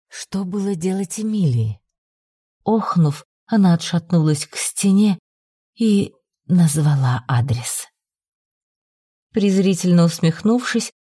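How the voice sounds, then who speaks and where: A woman reading a novel aloud as an audiobook narrator, measured and expressive. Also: deep voice, breathy edge, dry recording, clean studio sound.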